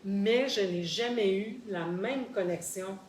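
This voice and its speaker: A guest from Quebec, Canada, speaking with a Québécois French accent, takes her time in a medium-pitched voice as she relates her own experiences in a group discussion. Articulate and explanatory, she repeats words for emphasis, and the recording has roomy echo and faint background noise.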